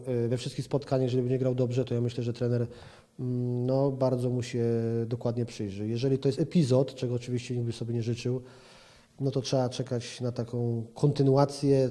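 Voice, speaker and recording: A fortyish man answers a TV sports interviewer's questions as a football pundit, hesitant and restarting often, with lots of fillers. He has a warm, mid-range voice that moves little in pitch and runs a bit fast. The setting is an indoor office room with a plant, and a reporter holds a handheld mic toward him.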